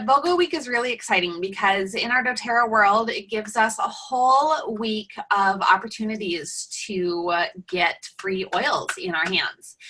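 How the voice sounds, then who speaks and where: A woman with a bright, forceful voice, sitting slightly high for her sex, hosts a live webinar. She talks casually, filling gaps with ums and short pauses. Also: rough recording. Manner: chatty, many ums and pauses. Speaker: webinar host. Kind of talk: casual presenting.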